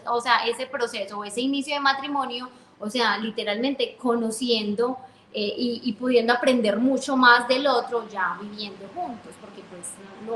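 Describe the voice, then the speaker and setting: Chatty woman, slightly high, echoey room. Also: fairly bright tone. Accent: Colombian Spanish. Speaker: guest sharing faith testimony. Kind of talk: personal testimony storytelling. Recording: roomy echo.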